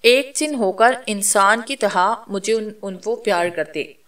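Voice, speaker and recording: A bold, defiant young woman with spiritual powers, read by a woman narrator in a storybook drama. Her voice sits in an ordinary middle pitch and sounds set back from the microphone. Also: a little slow, a bit bright, distant mic, close to an everyday voice.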